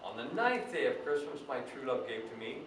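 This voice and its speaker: A man's voice: mid-range voice, sing-song, fairly quick, natural voice. A man playing Santa Claus as a jolly, folksy storytime host, reading storybooks aloud to children with chatty asides. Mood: jolly, playful. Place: echoey indoor room, away from the mic. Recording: very echoey room, distant mic, faint noise.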